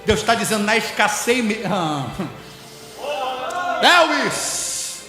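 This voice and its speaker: High-voiced Brazilian pastor preaching passionately. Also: male voice, big pitch swings, slow pace. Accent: Brazilian Portuguese. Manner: impassioned, swings from shouting to hushed. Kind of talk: preaching sermon. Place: church hall. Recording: echoey church hall with music.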